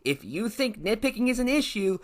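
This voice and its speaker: A man's voice: sits high, sing-song, fairly quick. A man hosting a video commentary, sarcastic, nitpicking and exasperated. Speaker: commentary host.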